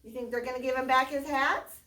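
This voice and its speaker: A woman teacher reading a picture book aloud to children in a classroom, animated and stopping to quiz the kids. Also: sits high, a little fast, slight background noise. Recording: roomy classroom from far off.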